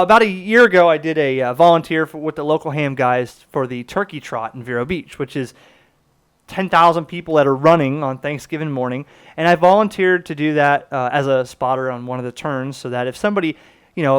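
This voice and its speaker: A man with a fairly high, fairly bright voice, recorded cleanly, presents a gadget in a casual demo. The reviewer explains in a chatty manner, raises questions to answer himself, and frequently asks the listener "okay?"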